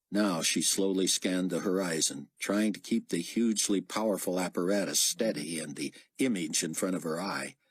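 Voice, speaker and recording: A man reading an audiobook in scripted narration, with a steady storytelling cadence. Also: low-pitched, husky, no echo.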